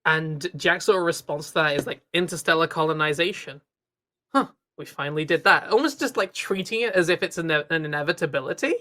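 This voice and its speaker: A playful woman co-host recapping a TV episode in casual, joking chat, now and then slipping into mock voices. Her tone is bright and sharp-edged, and her delivery is loose and conversational. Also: deep voice, brisk. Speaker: podcast co-host.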